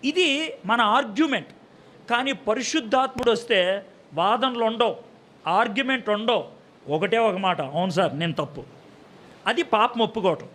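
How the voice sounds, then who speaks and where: A man's voice: very high-pitched, animated, moderate pace, pauses often, pushed and bright. A man preaching a sermon in speech, often putting questions to the audience and answering them himself. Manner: acts out short voices for a story with humor.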